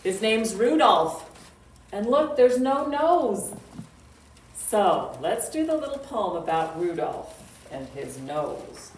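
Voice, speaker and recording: This library storytime host for young children uses a medium-pitched, sing-song, slow voice. She asks simple questions playfully, and recites poems and sings along the way. A distant mic records it with roomy echo and faint noise.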